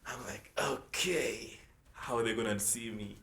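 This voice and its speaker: A man's voice: medium pitch, measured pace, creaky. A young man from South Sudan, a musician, talking casually and rambling in an interview, full of "like" and "you know". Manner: relaxed, rambling, often restarts with "like" and "you know". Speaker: musician guest. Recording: echoey room with faint noise.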